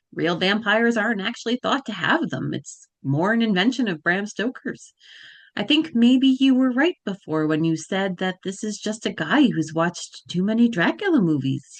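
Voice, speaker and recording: A woman reading the part of a wry male FBI agent with dry, deadpan wit. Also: mid-range voice, no room sound. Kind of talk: dramatic script reading.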